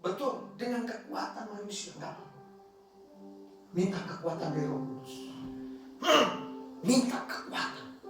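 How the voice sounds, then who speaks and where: A man's voice: high-pitched, lively intonation, measured pace, pauses often, over music. A male pastor telling a story in a sermon, emphatic and repetitive, with his voice carried across a church hall. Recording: echoey church hall, distant mic.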